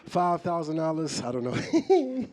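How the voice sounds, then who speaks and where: In an unhurried, sing-song way, a New York stand-up speaks with a fairly high, slightly mellow voice. He's at a live comedy show in an office building, addressing the crowd loosely and directly.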